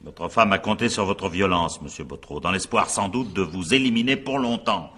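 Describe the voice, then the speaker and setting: In a French radio crime drama, an actor plays an examining magistrate, probing and pressing with pointed tag questions. His male voice is low, husky and a bit bright, at a moderate pace, and the mood is insistent.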